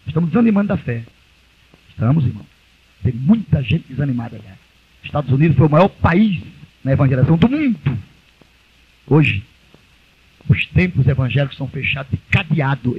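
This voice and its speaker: A Brazilian man preaches a fervent Pentecostal sermon, voice a little high and husky. He repeats his phrases and swings between hushed lows and shouted cries. The sound is dull and muffled, like an old cassette tape. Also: lively intonation, normal speed, long pauses. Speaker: pastor.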